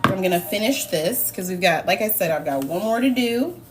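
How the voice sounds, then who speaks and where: A woman's voice: mid-range voice, lively intonation, moderate pace, over loud music. A woman hosting a cooking livestream, chatting casually and laughing as she answers her viewers. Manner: chatty, laughing, talks to live chat. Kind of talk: casual chat while cooking.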